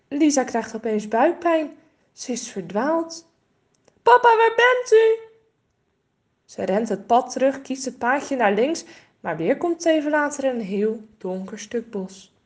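Gentle woman reading a children's story. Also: a little high. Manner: gentle, expressive, varied.

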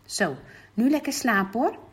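A kindly, cheerful papa from a bedtime storybook, gently explaining things to his little daughter, as a woman reads his lines. The voice moves lively up and down with a soft, breathy edge. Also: a little high, normal speed, voice pushed up. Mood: playful. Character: patient cheerful father reading bedtime stories.

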